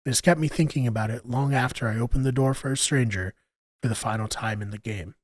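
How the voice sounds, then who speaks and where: A man delivers scripted review narration as a channel host. His voice sits at an average pitch, and he explains things in a measured way. The sound is close and dry, with very little room in it. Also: dry recording.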